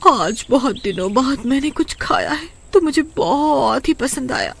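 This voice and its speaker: A woman voicing a rich, hungry female witch in a cartoon, drawn-out and sing-song. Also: high voice, expressive, vocal fry, fairly bright tone, breathy edge, exaggerated voice. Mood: boastful. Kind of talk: cartoon voice acting.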